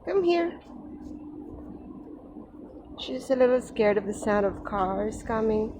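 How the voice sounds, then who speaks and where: A young woman with a Filipino accent narrates a relaxed garden vlog, talking fondly to her cat between comments. Her voice is high and her pace is slow. Faint outdoor noise sits behind her phone recording. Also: low-quality recording. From Philippines. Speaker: vlogger.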